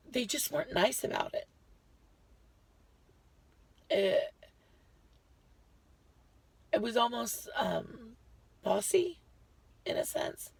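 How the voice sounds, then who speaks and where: A woman's voice: a little high, vocal fry, husky, no echo. A woman vlogger giving a chatty, rambling health update to her viewers, short of breath and often correcting herself. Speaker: lifestyle vlogger.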